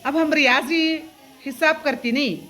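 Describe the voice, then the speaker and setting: A woman schoolteacher with a high-sitting voice and normal speaking speed teaches a lesson to young pupils. She keeps asking questions, has the class repeat terms back, and mixes English words into her speech.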